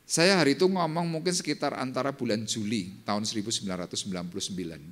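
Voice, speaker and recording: An older man delivers a church sermon woven with personal testimony. His voice sits at an ordinary middle pitch, but he moves freely between hushed, low asides and sudden loud, high-pitched cries. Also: fast talker. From Indonesia. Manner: animated, swings from low murmurs to loud high exclamations. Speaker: pastor. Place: church service.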